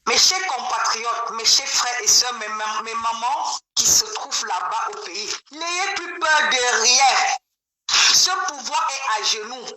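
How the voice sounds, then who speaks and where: A woman's voice: on the high side, takes it slowly. A woman caller heard over a speakerphone, giving an emphatic, rousing political address straight to the audience. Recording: roomy speakerphone call with crowd noise.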